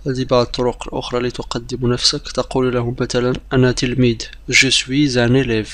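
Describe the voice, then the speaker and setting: A man teaching a beginner language lesson, explaining briskly with some hesitations and repeating example phrases slowly like drills. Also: mid-range voice, flat delivery, fairly bright tone.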